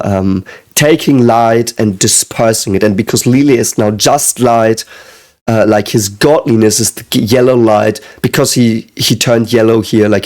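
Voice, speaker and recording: A man's voice: lowish voice, a little mellow. A man talking casually as he reacts to an anime, rambling with lots of hesitations and occasional swearing. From Germany. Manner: rambling, hesitant, with many fillers and frequent swearing.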